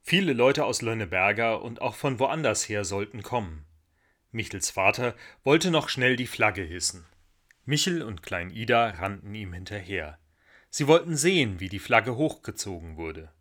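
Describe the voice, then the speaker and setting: A man reading a children's story aloud in a gentle, expressive storytelling manner. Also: lowish voice, moderate pace.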